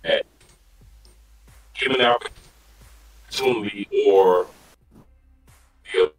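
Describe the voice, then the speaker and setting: A man talking casually as a podcast panelist over a remote call whose audio glitches and breaks up, halting and repeating words. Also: fairly low pitch, lively intonation, rough recording. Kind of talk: casual discussion. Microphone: remote call connection.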